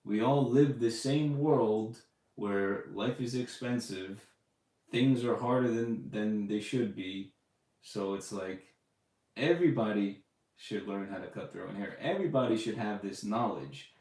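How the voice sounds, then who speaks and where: A podcast host answers live questions during a casual livestream, his lowish, darkish voice moving at a measured pace. He chats loosely, full of fillers and restarts, and the room gives the audio a roomy echo.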